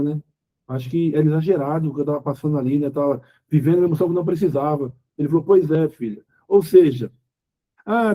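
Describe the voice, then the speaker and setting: A man's voice: sits high, warm tone. A middle-aged man with a Brazilian accent preaching an informal sermon to couples, talking conversationally and acting out quoted dialogue. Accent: Brazilian Portuguese. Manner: conversational, acts out quoted dialogue, rhetorical questions. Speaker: preacher leading a Bible study for couples.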